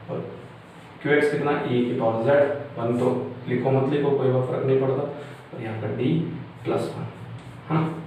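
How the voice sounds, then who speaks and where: A man's voice: mid-range voice, darkish tone, distant mic. Man lecturing math in a very echoey room. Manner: explains step by step, repeatedly checks with "है ना". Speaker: math teacher. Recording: very echoey room, off-mic, faint hiss.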